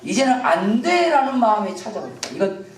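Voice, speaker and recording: Female pastor, impassioned sermon, animated pitch, echoey church from far off. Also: a little fast, slight background noise. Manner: impassioned preaching, acting out biblical dialogue. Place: church sanctuary.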